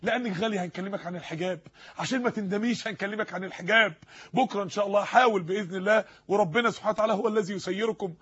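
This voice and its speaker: A man with an Egyptian Arabic accent preaches at a racing pace, his high voice husky and strained. He pleads with his listeners through rapid, repeated rhetorical questions. The recording is dull and lo-fi. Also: fairly bright tone. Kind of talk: impassioned sermon.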